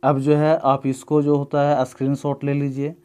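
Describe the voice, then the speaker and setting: A male English teacher giving a lesson, explaining step by step and repeating example words slowly. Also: mid-range voice, monotone, dark tone, clear, resonant tone. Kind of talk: classroom-style lesson.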